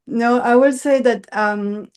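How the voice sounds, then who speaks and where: A woman's voice: on the high side, fairly even intonation, takes it slowly, darkish tone, smooth. A woman from Switzerland, an English speaker, answering interview questions as an architect and professor, hesitant with many fillers. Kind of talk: interview conversation.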